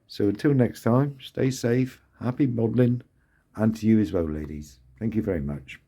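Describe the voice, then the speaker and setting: A man narrates his model build in a casual, muttering way, half talking to himself as he works. His voice sits a little low and sounds warm and mellow rather than bright. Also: moderate pace. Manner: mumbling, thinking aloud to himself. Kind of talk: casual workbench commentary.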